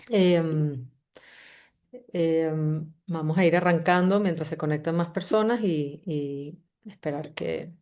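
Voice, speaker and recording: A Venezuelan-accented woman with a lowish voice opens an online session as its host. She speaks in a relaxed, conversational way, welcomes people, and often loops back to restart a phrase as she goes. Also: slow pace, long pauses. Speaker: host and company CEO. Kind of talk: live online book-summary session.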